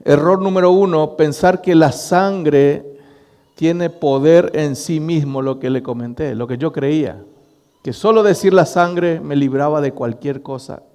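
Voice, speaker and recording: A man's voice: a little high, measured pace. A middle-aged male pastor, preaching a sermon and telling a story to his congregation. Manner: storytelling, addressing the congregation as brothers, animated. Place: church hall. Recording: long reverb of a church hall.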